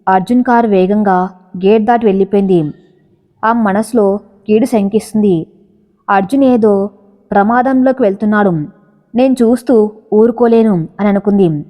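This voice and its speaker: A woman reading a dramatic romance story aloud in a steady storytelling manner. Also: mid-range voice, moderate pace, pauses often. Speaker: narrator. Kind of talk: scripted story narration. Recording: reverberant, slightly dull audio.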